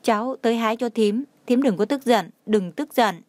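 A woman's voice: on the high side, normal speed, no room sound, close to an everyday voice. A woman voicing a tearful young woman who sobs and pleads for forgiveness. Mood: pleading. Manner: sobbing, pleading.

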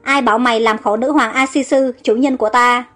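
Sneering villainous servant read by a woman, high voice, soft music underneath. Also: fairly even intonation, fairly quick. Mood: gloating. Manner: sneering, gloating. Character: scheming female servant villain.

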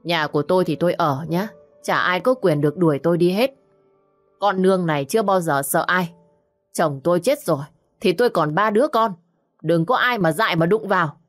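A woman voicing a fierce widowed village mother who scolds harshly and fast. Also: fairly low pitch, faint music behind, close to an everyday voice. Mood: defiant.

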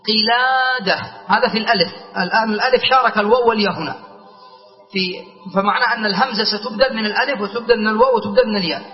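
High-voiced man teaching in an echoey hall. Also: muffled recording. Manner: explains step by step, drawing out example words, checks listeners often. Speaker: sheikh teaching Arabic grammar. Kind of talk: classroom lesson.

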